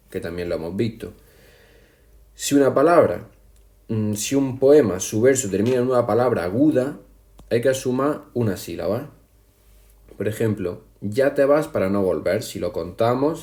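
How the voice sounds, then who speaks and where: A man teaching a language lesson in a patient, explanatory way, counting syllables aloud slowly and speaking to his students directly. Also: fairly low pitch, dark tone. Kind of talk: classroom explanation over slides.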